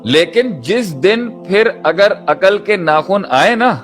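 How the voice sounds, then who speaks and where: A man's voice: high voice, animated, takes it slowly, a bit bright. Emphatic preacher man over music. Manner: emphatic, hammering repeated rhetorical phrases; mixes in English terms. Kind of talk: motivational sermon. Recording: music playing under the voice.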